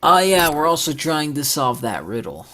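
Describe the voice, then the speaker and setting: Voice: medium pitch, very animated, normal speed, bright, forceful tone, slight background noise. A tabletop game player speaking casually in character.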